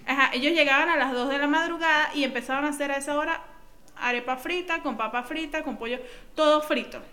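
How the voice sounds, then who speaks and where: Bright, high Venezuelan woman storytelling. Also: quick pace. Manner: animated storyteller, slangy, calls people "mi amor". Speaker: podcast co-host. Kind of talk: casual podcast chat.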